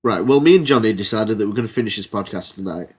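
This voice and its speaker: Congested from a cold, a teenage boy runs his homemade comedy podcast, spinning an absurd tale and chatting loosely, full of hesitant ums. His lowish voice moves quickly and sounds a little mellow and slightly rough, with faint music behind it.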